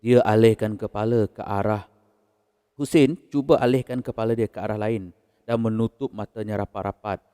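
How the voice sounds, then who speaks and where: Malaysian guy spinning a spooky tale, low smooth voice, chuckles now and then, kinda hall-y reverb. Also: fairly even intonation, mellow. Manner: unhurried storyteller who chuckles between beats. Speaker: horror story narrator. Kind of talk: casual storytelling narration.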